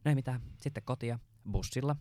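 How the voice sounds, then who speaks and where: A man's voice: mid-range voice, warm tone, dry recording. A man co-hosting a podcast, telling a story in a rambling, casual way with lots of fillers and swearing. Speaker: podcast co-host.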